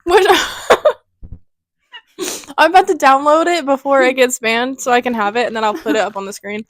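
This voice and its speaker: A woman's voice: high voice, unhurried, dry recording. A young woman from the co-hosting a podcast, telling stories in a chatty way with playful asides. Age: young adult. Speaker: podcast co-host. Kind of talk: casual chat.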